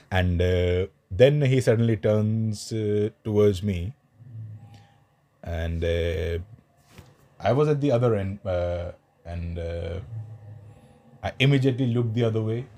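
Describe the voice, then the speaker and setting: A man's voice: on the low side, mellow. A man co-hosting a casual podcast chat, telling a long anecdote full of "uh" fillers and small laughs. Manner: rambling storyteller with many "uh" fillers. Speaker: podcast co-host.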